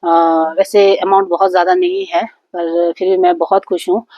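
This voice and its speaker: With a sore throat from a cold, this YouTube vlogger chats loosely about her channel straight to camera, restarting often and leaning on fillers. She records on a phone; her voice is on the low side and delivered flatly at a moderate pace, and the audio is muffled with no echo.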